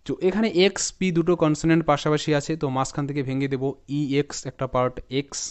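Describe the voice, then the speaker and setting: A man with a Bengali accent teaching English spelling and pronunciation, explaining patiently, breaking words into parts, repeating them slowly and often checking in with his viewers. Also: on the high side, clean tone. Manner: talks straight to viewers, often checking in with "okay?".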